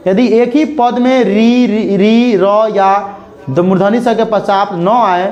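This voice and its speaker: This young Bihar-accented grammar teacher speaks high-pitched and a little mellow, with fairly even intonation, and the recording's highs are cut off. He slowly spells examples, repeats words, and asks "clear?" often.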